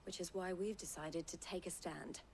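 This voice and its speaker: An actress playing a composed, formal woman trader in a video game, speaking in a measured, persuasive way. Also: on the low side, fairly even intonation, a little mellow, slight background noise, lightly acted. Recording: game audio with music underneath. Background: game music.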